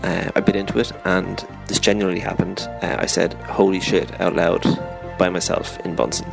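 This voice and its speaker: A man's voice: deep voice, flat delivery, normal speed, gravelly, music in the background, rough recording. A man, a podcast host, reading a chatty, self-mocking sponsor spot that he recorded on a phone dictaphone app away from the studio. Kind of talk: casual read sponsor spot. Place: home in Waterford, not the studio.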